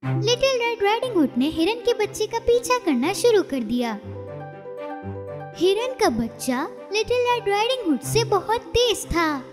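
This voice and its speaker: A woman narrating a storybook cartoon in an expressive, storytelling way. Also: extremely high pitch, a little slow. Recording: reverberant, with music underneath.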